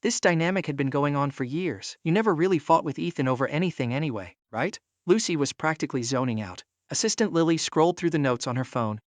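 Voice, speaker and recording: A man's voice: a little high, lively intonation, fast, few pauses, no echo. A man narrating a drama story recap in a breezy, casual, second-person style.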